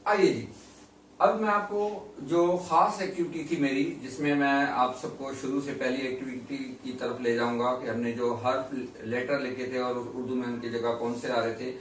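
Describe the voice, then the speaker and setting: A man's voice: medium pitch, a little hiss or hum. A man teaching a lesson to beginners. He explains patiently, repeats himself and keeps asking the class questions. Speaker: English teacher. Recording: very echoey room, voice from a distance.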